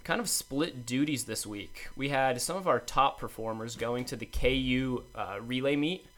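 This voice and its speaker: A man's voice: medium pitch, a bit bright. Young man reading sports results. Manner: brisk list-reading, upbeat. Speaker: co-host of a college sports podcast. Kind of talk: casual chat, reading results.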